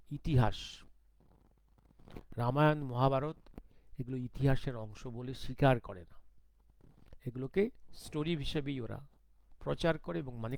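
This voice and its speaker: A man giving a commentary monologue, talking slowly because of a sore throat, firing off pointed rhetorical questions. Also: medium pitch, vocal fry, a little mellow, dry recording. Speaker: political commentator.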